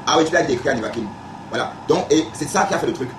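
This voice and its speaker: Give me a man from Cameroon on a live stream, talking fast and repeating himself emphatically. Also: on the high side, animated, noisy background. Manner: emphatic, repetitive, addresses viewers directly. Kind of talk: casual live-stream talk replying to comments. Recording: echoey room, faint background ambience.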